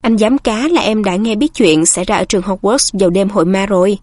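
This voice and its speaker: A woman voicing a pompous, portly middle-aged male minister who talks in a gruff, overly familiar way in a storybook reading. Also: mid-range voice, a little fast, a little mellow, no echo, natural voice.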